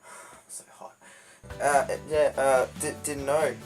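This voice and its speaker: A man joking around while filming a home video with his band, recorded as old camcorder audio. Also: medium pitch. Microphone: camera mic held away.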